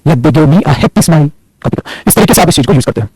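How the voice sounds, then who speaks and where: A man's voice: a little high, expressive, fairly quick, very noisy. A man teaching English grammar in Hindi, calling his students "beta" and asking and answering his own questions as he mixes in English example sentences. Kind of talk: online grammar lesson.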